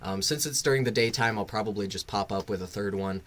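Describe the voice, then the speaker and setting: Fast-talking with a fairly low voice, a man reviews things on a casual live reaction stream, rambling, swearing, and bluntly critical with a sarcastic, self-mocking streak. A little hiss or hum sits in the audio.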